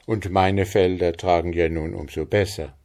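A man's voice: low voice, steady tone, moderate pace, a little mellow. A man voicing a hearty, good-natured young farmer in a fairy-tale reading.

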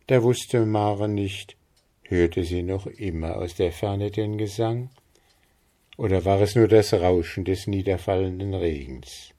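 A man narrating a fairy tale in a calm, measured storytelling voice. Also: deep voice.

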